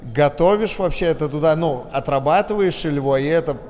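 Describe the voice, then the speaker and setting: A man's voice: on the high side, fairly quick, darkish tone. Male sports interviewer, long hall reverb. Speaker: post-fight interviewer. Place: backstage interview wall at indoor arena. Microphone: handheld microphone.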